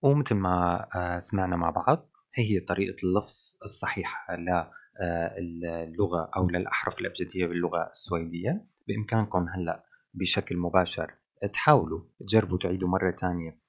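A man with a Levantine Arabic accent teaching a language lesson, pausing often on drawn-out fillers. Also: sits low, lo-fi sound. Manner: hesitant, with frequent drawn-out fillers.

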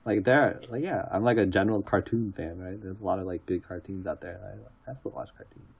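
A man's voice: low-pitched, a little fast, husky, highs cut off. A man speaking as a guest on a casual podcast interview, laid-back and offhand, swearing casually.

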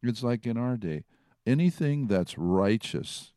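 A man's voice: medium pitch, expressive, unhurried, dark tone, no room sound, clean studio sound. A man teaching from the Bible in a conversational way, retelling and reading passages aloud. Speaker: preacher.

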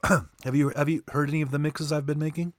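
A man's voice: fairly high pitch, little pitch movement, brisk, no echo, studio quality. A man co-hosting a casual radio show, rambling and hesitant, with lots of fillers and restarts. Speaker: radio co-host.

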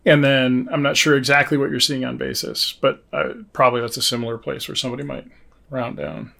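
A man's voice: mid-range voice, steady tone, a little fast, gravelly, sharp tone. A man co-hosting a podcast in casual conversation, informal and thinking aloud as he goes. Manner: informal, thinking aloud with false starts and self-quotes. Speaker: podcast co-host.

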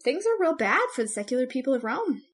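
This is a playful woman with a Canadian accent, talking casually as a podcast co-host. Her voice sits a little high, and she laughs easily as she chats. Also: big pitch swings, fast. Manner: chatty, laughs often, playful. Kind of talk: casual chat, scoring popes.

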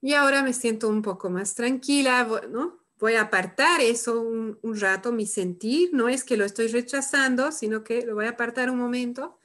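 Facilitadora serena de voz algo aguda. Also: female voice, fairly high pitch, moderate pace, hardly any pauses. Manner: calm, reflective, tags phrases with "¿no?". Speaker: workshop facilitator. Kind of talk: live online workshop demonstration.

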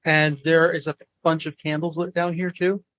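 A man's voice: a little high, level tone, moderate pace, fairly bright tone. A man playing a tabletop game, casually narrating and voicing what his character does. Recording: dull, slightly roomy sound.

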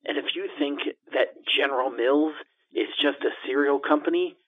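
A man's voice: on the high side, steady tone, moderate pace. A man as a jittery landlord in a muffled disguised voice. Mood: nervous. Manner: stammering, rambling, conspiratorial. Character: jittery gossiping male building landlord in hiding. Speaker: interviewee. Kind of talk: improvised comedy podcast parody. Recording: dull muffled disguise filter.

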